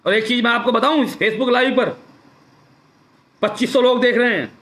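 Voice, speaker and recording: A man's voice: very high voice, moderate pace, a bit bright. A man giving an impassioned address to viewers on a live stream, repeating his key phrases for emphasis. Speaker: political speaker on a social media live stream.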